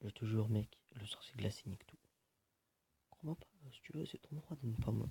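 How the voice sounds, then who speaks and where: A man's voice: fairly low pitch, fairly quick, creaky, dark tone, husky. A man giving casual, joking gameplay commentary, swearing often and muttering to himself. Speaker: gaming video host.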